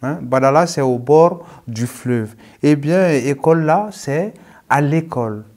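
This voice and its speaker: A man teaching a language lesson in a patient, explanatory way, often pausing on "euh" and adding "hein" to check in. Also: a little high, darkish tone. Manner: frequent hesitations and tag "hein"; patient, repeats key points.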